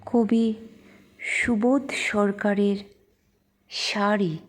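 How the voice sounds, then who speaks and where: A woman giving a dramatic poetry recitation, slow and deliberate, sometimes dropping into a whisper. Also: medium pitch, steady tone.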